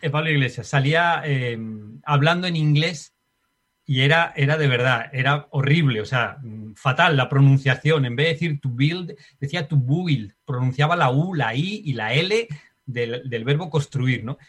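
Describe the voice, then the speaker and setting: Medium in pitch and normal in pace, his slightly bright voice carries a Spanish accent. Reflective as an interview guest in a conversational setting, he keeps tagging his sentences with a questioning "right?" and fillers like "¿no?".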